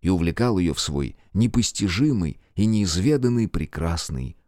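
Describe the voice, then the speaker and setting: A man narrating an audiobook in a measured storytelling manner. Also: sits low, expressive, a little mellow, no room sound, clean studio sound. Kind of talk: scripted narration.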